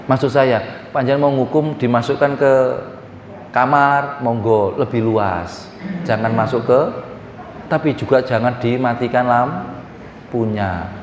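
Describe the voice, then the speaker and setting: A man preaching a sermon with an East Javanese accent, lively and joking, often acting out little voices and speaking straight to the audience. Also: medium pitch, a little slow, a little hiss or hum. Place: hall. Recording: echoey hall from far off.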